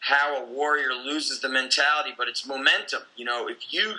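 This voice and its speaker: Bright-toned, intense man coaching talk. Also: mid-range voice, moderate pace, poor audio. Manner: intense, blunt, swears freely. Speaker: gym owner and coach. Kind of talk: casual podcast conversation.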